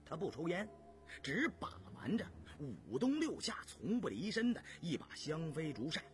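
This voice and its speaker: A man narrating a historical novel in a measured, vividly expressive storytelling style. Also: a little high, faint music behind.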